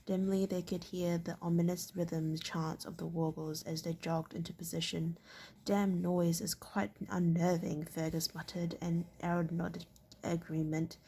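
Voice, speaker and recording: Brief: a woman reading a book aloud, stumbling and self-correcting, gravelly monotone. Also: lowish voice, normal speed. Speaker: reader.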